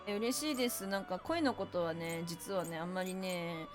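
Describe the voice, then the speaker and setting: A woman's voice: on the low side, a little slow, music in the background. A young woman with a Kansai accent chatting casually during a game stream, playful and talkative as she reads viewer comments aloud into a close microphone. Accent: Kansai Japanese. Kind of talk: casual live-stream chat while gaming.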